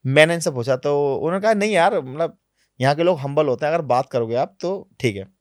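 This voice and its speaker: A man being interviewed on a podcast, telling travel stories in a lively, animated way, sometimes dropping to low, quiet asides. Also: brisk, dry recording, clean studio sound. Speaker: travel vlogger guest. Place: podcast studio.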